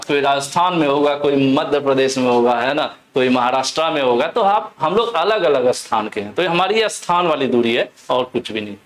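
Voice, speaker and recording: A young man from Uttar Pradesh teaching, who talks through exam questions step by step and keeps asking and answering his own questions. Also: mid-range voice. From Uttar Pradesh, India. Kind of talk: exam question walkthrough lesson.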